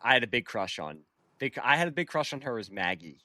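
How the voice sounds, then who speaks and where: A man's voice: mid-range voice, very animated, quick pace, bright, forceful tone, no room sound. A man from Philadelphia hosting a podcast, eagerly rattling off movie trivia in casual chat. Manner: trivia-laden, eager, chuckling. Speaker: podcast host.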